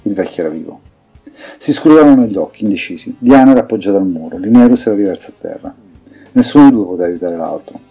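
A man reading scripted fantasy narration in an even, measured way. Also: lowish voice, husky. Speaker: audiobook narrator. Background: faint music.

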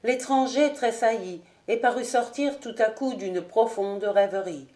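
A woman narrating a classic novel as an audiobook reader, steady and even. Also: fairly high pitch, a little slow, echoey room.

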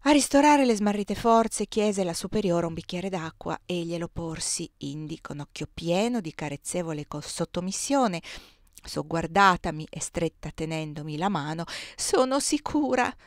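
A woman reading a novel aloud in an expressive, dramatic storytelling manner. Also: fairly low pitch, moderate pace, no echo, clean studio sound. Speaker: reader of a novel.

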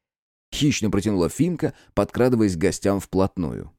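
Low-voiced expressive male narrator. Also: moderate pace, no echo, clean studio sound. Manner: expressive storyteller. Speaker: audiobook narrator. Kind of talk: scripted narration.

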